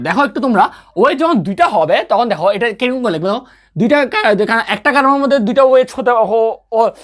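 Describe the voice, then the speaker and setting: A young man tutoring chemistry in a recorded online lecture, his pitch rising and falling with a lively swing. He keeps checking in with his students and answering his own questions. He slips English terms into his talk.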